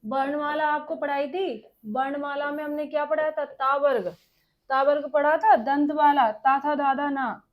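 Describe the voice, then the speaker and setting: High-voiced, slow-dictating woman teacher. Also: fairly even intonation, dull audio. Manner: dictating slowly, repeating phrases for note-taking; asks questions and answers them herself. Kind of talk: exam-prep grammar lesson.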